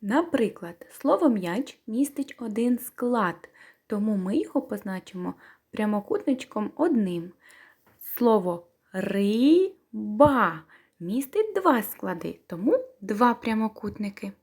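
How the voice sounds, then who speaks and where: A woman teaching young children to read, talking in a gentle, slow, sing-song way and breaking words into syllables. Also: mid-range voice, big pitch swings. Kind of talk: children's literacy lesson with a told tale. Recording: echoey room.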